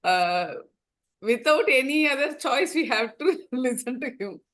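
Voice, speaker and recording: A woman with an Indian accent offering suggestions in an online training session, halting and repeating her phrases. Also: high-pitched, lively intonation, a bit bright. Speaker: training participant.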